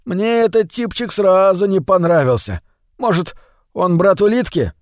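A man's voice: high-pitched, expressive, unhurried, darkish tone, dry recording, studio quality, voice pushed up. A man voicing a nervous bartender who talks in a fretful, pleading way. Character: nervous, gossipy male bartender.

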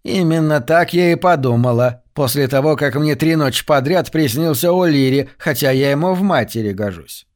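Guy doing a sly old lady, voice pushed up high, real knowing. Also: normal speed, hardly any pauses, darkish tone, close to an everyday voice. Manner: knowing, triumphant. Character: elderly woman, sly and shrewd.

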